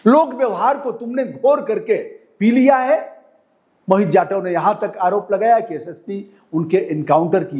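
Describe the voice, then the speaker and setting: A man's voice: a little high, warm tone, lo-fi sound. A male news commentator reading a report and breaking off to scold the police directly in an indignant tone.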